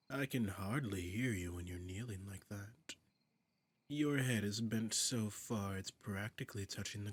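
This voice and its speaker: In this intimate audio drama, a man voices a demon prince who is imperious, silky and teasing, flirting and giving orders in a breathy voice that often sinks to a whisper. His voice is lowish, and he sounds amused and commanding.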